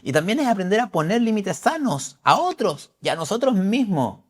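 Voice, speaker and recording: A middle-aged man delivers an astrology forecast in an emphatic, preacherly way, repeating key phrases to drive them home. His voice sits somewhat high for a man. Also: big pitch swings, moderate pace.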